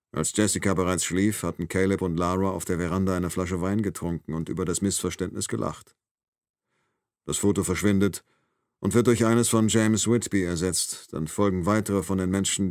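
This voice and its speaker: A man narrating a thriller audiobook in an even, measured reading. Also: sits low, no echo, clean studio sound.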